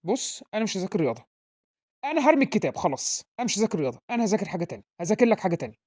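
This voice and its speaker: A woman's voice: mid-range voice, very animated, racing, darkish tone. A woman playing a blustering, pompous father with an Egyptian accent who insults his son while tutoring him and mangles English words. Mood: exasperated. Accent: Egyptian Arabic. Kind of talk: comedy sketch acting.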